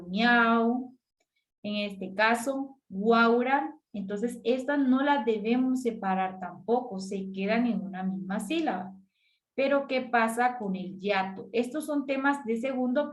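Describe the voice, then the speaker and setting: A woman teacher patiently explaining grammar exercises step by step to her pupils. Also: a little high. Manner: patient, step-by-step, asks and answers own questions. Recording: echoey room.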